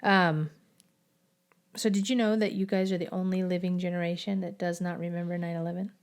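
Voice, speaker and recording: A woman's voice: fairly low pitch, flat delivery, fairly quick, smooth. A middle-aged woman co-hosting a podcast in casual chat, talking in a chatty, rambling way. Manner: chatty, rambling, with frequent restarts. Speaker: podcast co-host.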